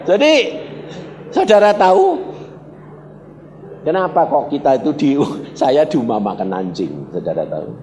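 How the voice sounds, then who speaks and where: A man's voice: unhurried, pauses often, a crowd in the background. A man preaching a sermon as pastor, telling stories animatedly and asking the congregation questions. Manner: animated storyteller with wide pitch swings, asks the congregation questions. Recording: reverberant church hall, faint background noise.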